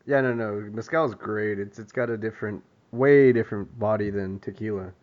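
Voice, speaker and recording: A man co-hosting a podcast in casual chat, laid-back and quick to laugh and swear. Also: on the low side, lo-fi sound. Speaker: podcast co-host.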